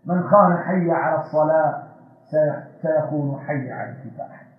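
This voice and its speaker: Fiery preacher, echoey. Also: male voice, fairly high pitch, moderate pace, narrow, tinny audio. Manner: impassioned, rising to shouting repetitions. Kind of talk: fiery Friday sermon.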